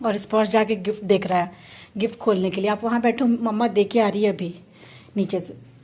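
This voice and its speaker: A woman from India with a hoarse, sore throat, chatting casually in a home vlog and explaining things step by step as she cooks. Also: medium pitch, fairly even intonation, a little fast, darkish tone, a little hiss or hum. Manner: chatty, homely, explains step by step with many fillers. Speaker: vlogger and mother. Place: home, kitchen.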